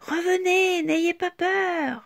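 A woman's voice: very high-pitched, steady tone, slow pace, gravelly, pitched above the performer's own voice, exaggerated voice. A woman voicing a small, shy little girl ink blot who speaks timidly and hopefully. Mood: coaxing.

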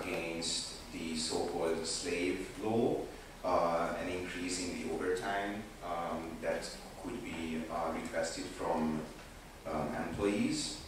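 Seated on a sofa panel in a big conference room, a young activist with a Hungarian accent talks in a deep, steady voice. His delivery is slow and deliberate, full of hesitations and restarts. He uses a handheld mic, but the far camera captures an echoey, distant hall with background noise.

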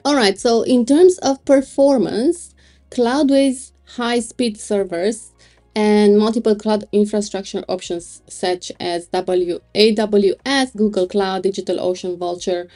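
Slow, mellow woman reviewer. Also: medium pitch. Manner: unhurried, thinking aloud, small laughs. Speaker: web hosting reviewer. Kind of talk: screen-recorded product walkthrough. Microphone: voice-over on screen recording.

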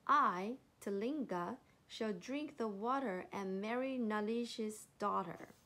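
A woman's voice: medium pitch, slow, sharp tone. A woman voicing a tiny, polite, clever male monkey in a storybook. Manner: small, polite, sure of himself.

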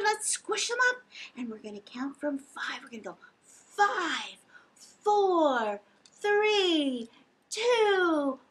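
A middle-aged woman with a high voice leads a sing-along storytime for young children as a children's library host. She sounds lively and encouraging, switching between singsong verses and simple directions for the little ones. The setting is an indoor lounge with a couch and a fireplace.

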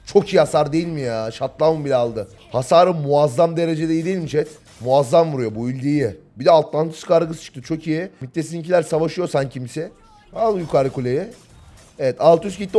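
A young man from Turkey giving live, excitable commentary on a mobile game match and calling out moves to the players. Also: on the high side. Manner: excitable, yells at players when the fight heats up.

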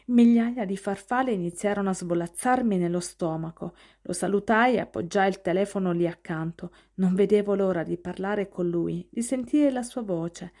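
A woman narrating a novel in the first person with expressive storytelling. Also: medium pitch, moderate pace, hardly any pauses. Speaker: audiobook narrator.

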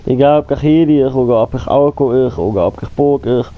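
In a dry, muffled recording, a man with a mid-range voice speaks fairly quickly. He hosts a gaming channel and, fighting a cold with the occasional cough, rambles casually about his gameplay, repeats himself, and addresses his viewers directly as friends.

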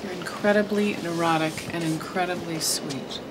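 An American actress playing an exasperated, teasing but loyal young wife in a sitcom, blunt and challenging. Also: female voice, on the low side, fairly even intonation, moderate pace, lightly acted. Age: 30s. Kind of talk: sitcom acting. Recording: noisy 1990s TV sitcom soundtrack.

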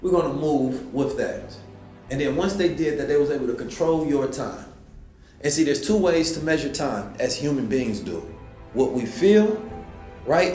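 A man's voice: a little high, a little mellow. A man giving a motivational talk as host, preaching and asking rhetorical questions. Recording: roomy echo with faint music.

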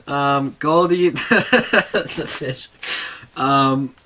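Guy at home going through his collection real slow, keeps laughing and talking to his dog, bright voice. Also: mid-range voice, a little hiss or hum. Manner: chuckling, easily distracted, talks to his dog between items. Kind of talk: casual home video show-and-tell.

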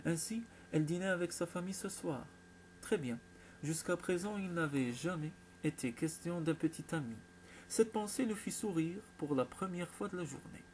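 Un homme qui lit un roman à voix haute, d'une lecture régulière et expressive. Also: male voice, a little high, a little hiss or hum. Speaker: audiobook narrator. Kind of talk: scripted narration.

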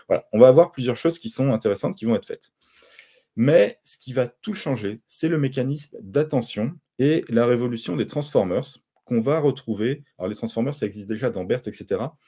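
Dark-voiced man explaining at a conference. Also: mid-range voice. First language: French. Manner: explanatory, with frequent hesitations and restarts. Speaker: conference speaker. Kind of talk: conference talk with slides.

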